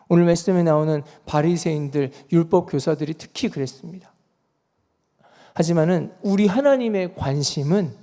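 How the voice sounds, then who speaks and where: A man's voice: fairly high pitch, mellow. A male pastor giving an earnest dawn prayer sermon, voice rising for emphasis. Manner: earnest preaching with emphatic rises. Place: church sanctuary. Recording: reverberant church sanctuary.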